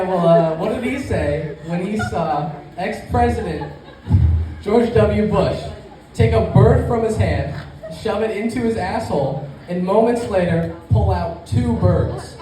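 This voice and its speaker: A young man performs amateur stand-up in front of an audience in a hesitant, rambling way. His voice is fairly high and animated, recorded from a distance in a heavily reverberant, noisy room. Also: a little slow. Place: echoey room in front of a small live audience. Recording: echoey room from far off, clear background noise.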